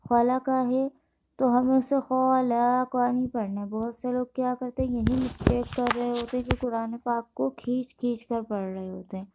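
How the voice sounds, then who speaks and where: A woman teaching a Quran reading lesson, explaining briskly and then drilling letters syllable by syllable, slowly and carefully. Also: a little high, fairly even intonation, mellow. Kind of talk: step-by-step recitation lesson.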